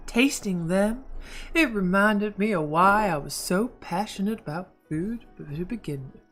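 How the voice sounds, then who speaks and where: A woman doing a gentle old country chef. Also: mid-range voice, animated, soft background music. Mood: earnest. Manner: slow put-on country drawl.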